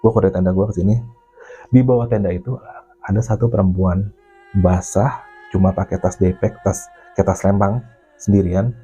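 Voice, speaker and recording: A man with telling a mountain ghost story in casual chat, animated and swearing, acting out the voices of the people in it. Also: low voice, normal speed, long pauses, breathy edge, dull audio, faint music behind. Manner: animated, acts out his own and others' quoted lines; swears casually, keeps addressing the listener as Bang.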